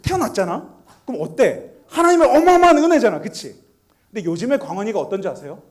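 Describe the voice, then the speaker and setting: High-voiced man preaching a story-filled sermon. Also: a little mellow. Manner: storytelling, acting out family dialogue; asks the congregation questions. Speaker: pastor.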